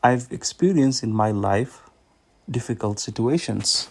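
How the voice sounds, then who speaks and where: A man in his thirties from Somalia, with a Somali accent, giving an earnest, measured personal faith testimony that halts now and then. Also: medium pitch, lively intonation, vocal fry, husky. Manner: earnest, measured, slightly halting. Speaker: ministry speaker.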